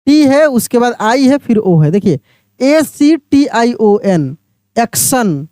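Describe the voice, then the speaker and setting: A man teaching an English pronunciation lesson, spelling words out letter by letter and repeating each one slowly while quizzing his viewers. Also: very high-pitched, big pitch swings, dark tone, smooth, dry recording, clean studio sound.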